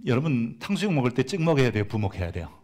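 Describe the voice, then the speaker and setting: A man preaching a church sermon. He moves between loud, emphatic passages and quiet, hushed asides, and mixes in humorous everyday stories. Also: mid-range voice, sing-song, racing. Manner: tells humorous everyday anecdotes. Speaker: pastor.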